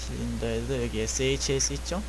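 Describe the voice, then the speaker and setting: This airsoft repair tutor speaks fast in a mid-range voice with fairly even intonation, over a noisy background. In his screen-recorded walkthrough of shopping for gearbox parts, he guides viewers casually step by step and frequently corrects himself mid-sentence.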